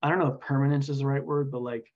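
A man speaking informally as an interview guest, halting and thinking aloud as he explains his views. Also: mid-range voice, flat delivery, a little mellow, muffled recording. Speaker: podcast guest, software engineer. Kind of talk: casual interview conversation.

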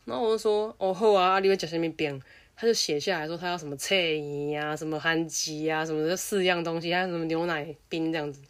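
Woman podcast host, rapid lively storytelling, lower-pitched voice. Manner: lively, acts out quoted voices.

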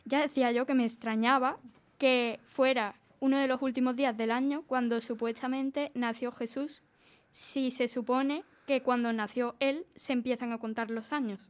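High-pitched woman host reading her bit on a group show. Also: steady tone, normal speed. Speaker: segment presenter. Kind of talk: scripted segment on a group radio-style show.

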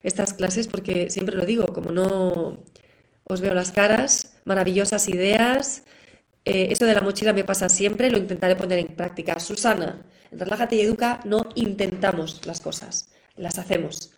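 A woman's voice: medium pitch, steady tone, moderate pace, low-quality recording. A middle-aged woman, teaching parents in a live online class in an encouraging manner. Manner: warm, encouraging, acts out examples. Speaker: parenting educator.

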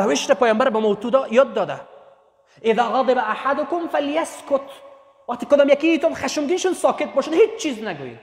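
A man delivers a sermon in a high, carrying voice, hammering his points home through repetition. He climbs in pitch whenever he stresses a point. The recording rings with the long reverb of a large hall. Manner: emphatic, repetitive, voice rising on key points. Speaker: preacher.

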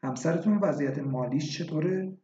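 A man reading a story voices a doctor who asks measured, probing questions. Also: fairly high pitch, dark tone, lightly acted. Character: calm questioning male doctor. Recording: echoey, dull lo-fi recording.

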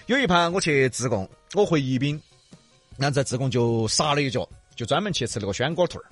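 Animated, husky Sichuan-accented man. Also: mid-range voice, fast, faint music behind. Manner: earthy, joking storytelling with colorful exaggeration. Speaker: talk show co-host. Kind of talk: casual banter about regional food.

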